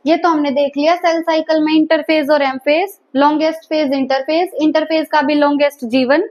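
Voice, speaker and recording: Woman, biology teacher, high voice, classroom lecture, asks and repeats answers. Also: fairly even intonation, moderate pace, darkish tone.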